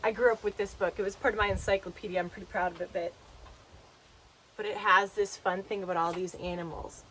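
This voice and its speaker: A woman's voice: medium pitch, fairly even intonation, a little fast, a bit bright, a little hiss or hum, low-quality recording. A woman hosting a children's lesson, talking playfully and directly to the kids watching. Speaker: children's educator and show host.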